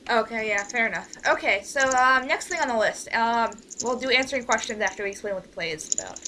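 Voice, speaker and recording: Running an informal online group meeting, a woman directs a voice cast, speaking hesitantly and rambling, often trailing off mid-thought. Her voice is slightly high, lively in intonation, quick, pushed and bright. The noisy recording comes from an amateur voice call.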